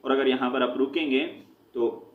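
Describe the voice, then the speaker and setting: A man teaching Quran recitation, spelling out letters and vowel marks syllable by syllable and blending them, with quick explanations that end in a repeated check-in. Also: medium pitch, little pitch movement. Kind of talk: slow spelling-out recitation lesson. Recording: echoey room, dull lo-fi sound.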